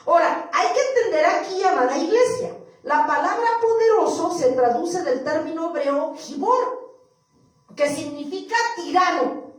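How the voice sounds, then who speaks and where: High-voiced woman preaching in echoing church. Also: lively intonation, normal speed. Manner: reads scripture aloud, repeats verses, addresses the congregation. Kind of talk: sermon. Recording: echoey hall, far from mic.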